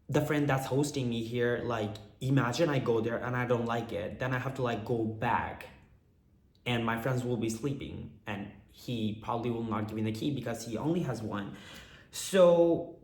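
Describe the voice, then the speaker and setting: A young man with a cracked, hoarse, strained voice, chatting casually in a candid, slangy, rambling storytime vlog. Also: mid-range voice, moderate pace. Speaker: vlogger. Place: indoors in an apartment. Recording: echoey room.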